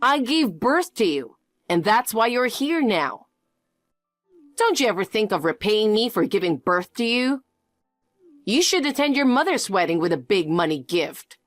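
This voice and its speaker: A woman voicing a greedy, pushy middle-aged birth mother who talks in a demanding, shrill way. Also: big pitch swings, measured pace, dry recording, faint music behind. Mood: scornful. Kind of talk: animated story voice.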